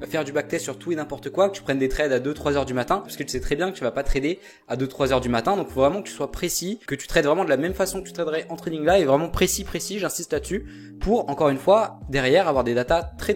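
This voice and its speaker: A young man explains trading to the viewer in a loose, chatty way, full of fillers and repeated emphasis. His voice sits a bit high for a man and he talks at a brisk clip. Soft music plays underneath. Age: young adult. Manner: informal, direct, repeats "vraiment" and many fillers. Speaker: trading educator. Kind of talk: casual spoken lesson.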